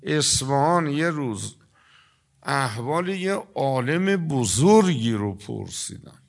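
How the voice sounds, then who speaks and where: An older man giving a sermon to a gathering, telling stories and drawing some words out slowly before rushing through others. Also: mid-range voice, very animated, vocal fry. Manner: storytelling, shifting between slow, stretched emphasis and quick asides. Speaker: preacher. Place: religious gathering with an audience.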